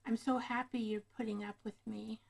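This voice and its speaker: Her fairly high, creaky voice stays level and moves at a moderate pace while she hosts a relaxed craft livestream. She rambles and chats, frequently naming viewers directly. The camera microphone recording is low quality.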